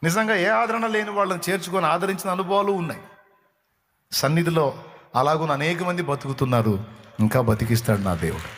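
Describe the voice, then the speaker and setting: A man's voice: a little high, animated, a little fast, fairly bright tone, long reverb tail, slight background noise. A man preaching a sermon as pastor, fervent, repeating reassurances and breaking into sung hymn lines. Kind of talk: Telugu sermon.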